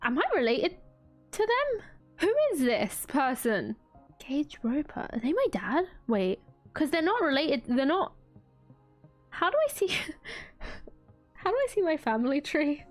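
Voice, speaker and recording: A woman's voice: high-pitched, sing-song, measured pace, pauses often, faint music behind. A young woman streaming a video game, chatting casually and breaking into frequent giggles and squeals. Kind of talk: casual gameplay commentary.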